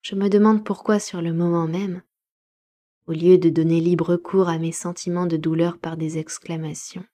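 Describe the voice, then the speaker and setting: A woman narrating a classic novel as a home-made live audiobook, measured and expressive. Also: lowish voice. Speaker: audiobook reader.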